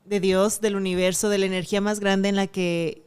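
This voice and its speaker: A woman's voice: mid-range voice, flat delivery, moderate pace, darkish tone, smooth. A woman hosting an interview podcast, speaking in a reflective, encouraging way. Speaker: podcast host. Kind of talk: casual interview.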